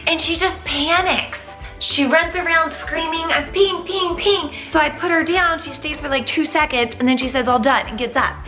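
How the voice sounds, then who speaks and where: A woman's voice: high-pitched, steady tone, normal speed, few pauses, sharp tone, faint music behind. A young woman and mother talking candidly in a casual home vlog, sometimes praising her toddler in a sing-song voice. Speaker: mother and vlogger.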